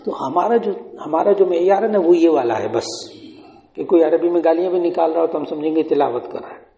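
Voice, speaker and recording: A man's voice: on the high side, gravelly, warm tone. An older man, an Islamic scholar, giving a religious Q&A lecture and explaining points while quizzing his listeners. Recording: echoey hall, dull lo-fi sound.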